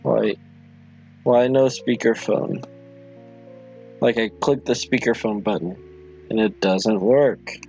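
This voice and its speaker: A man hosting a late-night livestream, talking slowly to his viewers. He rambles and apologizes, often stopping and restarting his sentences. Faint guitar music plays behind him. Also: on the low side, fairly even intonation, creaky, a little mellow, muffled recording. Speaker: livestream host. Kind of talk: casual livestream chat.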